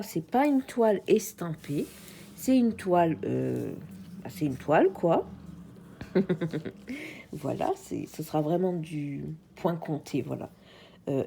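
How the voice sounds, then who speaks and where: A woman with a French accent talks slowly through a casual craft unboxing. Her voice is mellow and a little husky. She hesitates often and speaks straight to her viewers. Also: mid-range voice. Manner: chatty, hesitant, addresses viewers directly. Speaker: craft vlogger.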